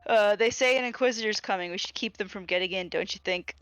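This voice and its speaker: A woman's voice: mid-range voice, fast, fairly bright tone, clear, resonant tone, dry recording, lo-fi sound, lightly acted. A woman reading the lines of a wary, practical male surgeon from a game, in a plain, casual way. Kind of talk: reading game dialogue aloud.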